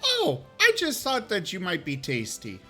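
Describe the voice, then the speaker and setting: Male role-player, bright voice, extremely animated pitch, music behind. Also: measured pace. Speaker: tabletop game player. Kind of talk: casual in-character role-play. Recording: background music.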